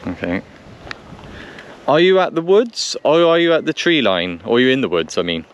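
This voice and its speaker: Out on a country lane, a man testing two-way radios thinks aloud, repeating himself between radio calls and casual commentary. He speaks at normal speed in a mid-range voice with big pitch swings, and the noisy outdoor audio, full of vehicle sounds, has its highs cut off.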